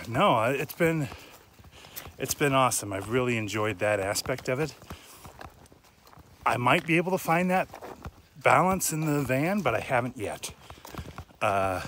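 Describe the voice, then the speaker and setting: On a wooded mountain trail, a vlogger in his thirties talks casually into a phone held at arm's length as he hikes. His mid-range voice has a fairly bright tone, with slight background noise behind it. He is chatty and reflective, filling his speech with lots of "uh."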